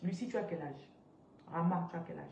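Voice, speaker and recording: A woman in her thirties, a spiritual business coach, teaching on a live stream in an animated, interactive way and reading out viewers' comments from a chair indoors. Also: on the low side, fairly quick, gravelly. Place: indoors, seated on a large ornate chair. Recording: roomy echo, somewhat distant from mic, faint noise.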